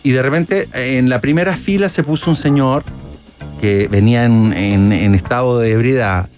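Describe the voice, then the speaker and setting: A man's voice: medium pitch, moderate pace, faint music behind. Chilean man telling stage stories on radio. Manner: anecdotal storyteller, animated retelling. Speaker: stage actor, guest. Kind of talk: casual radio interview. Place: radio studio.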